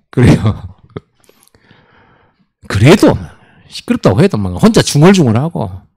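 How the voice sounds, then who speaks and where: A man preaching a Sunday sermon in a church, emphatic, with sudden swings in pitch and quoted voices acted out. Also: a little mellow, husky. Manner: acts out quoted voices and asides. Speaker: pastor. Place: church sanctuary.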